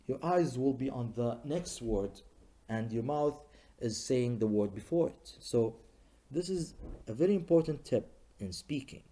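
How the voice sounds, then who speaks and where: A male English teacher giving a recorded lesson to students, talking slowly and patiently and saying each example sentence several times. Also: mid-range voice, animated, mellow. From Libya. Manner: slow, patient, models sentences by repeating them.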